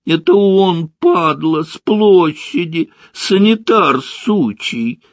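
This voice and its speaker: Male reader doing a coarse street thug, high and loud. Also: a little slow, dry recording, studio quality. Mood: yelling. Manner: coarse, yelling. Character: rough male street thug, crude and threatening.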